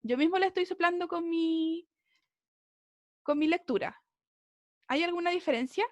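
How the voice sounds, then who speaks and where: A woman's voice: very high-pitched, moderate pace, no echo. A woman English teacher explaining a lesson over a video call, patiently checking that her students follow. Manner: patient, keeps checking understanding with tag questions. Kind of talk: online class explanation.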